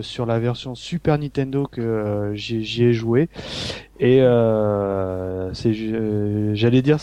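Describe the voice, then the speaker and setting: A man's voice: mid-range voice, a little mellow, clean tone, no room sound. A man from Paris in a casual gaming podcast chat, hesitant with fillers and mock-outraged when teasing. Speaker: podcast guest.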